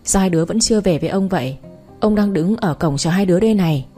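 A woman's voice: on the low side, fast talker, warm tone, soft background music, natural voice. A woman voicing a fussy, impatient old grandfather waiting for his grandson, in a read-aloud story.

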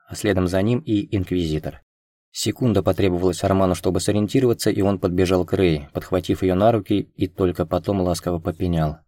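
A man narrates an audiobook in a calm, even manner. His voice is very deep, with a dark, mellow tone. The recording is dry and close to the mic. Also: no room sound.

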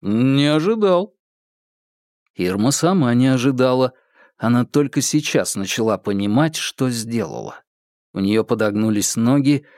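A man's voice: mid-range voice, a little mellow, no echo, clean studio sound. A man reading a novel aloud as an audiobook narrator. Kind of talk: scripted narration.

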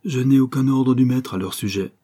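A man voicing a gruff, broad-shouldered male porter, a former wrestler, curt and stubborn, in an audiobook reading. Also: mid-range voice, fairly quick, mellow, natural voice. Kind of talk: audiobook character voice.

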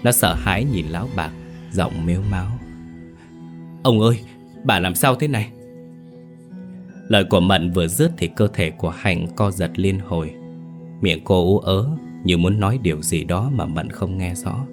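A man narrating a scripted horror story in a measured, steady storytelling manner. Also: low voice. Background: soft background music.

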